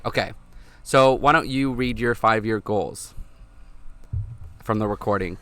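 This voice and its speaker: A man's voice: on the low side, measured pace, a bit bright, no room sound. A man in his twenties co-hosting a podcast, chatting candidly and reflectively with lots of "like" fillers. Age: 20s. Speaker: podcast co-host. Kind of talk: casual chat.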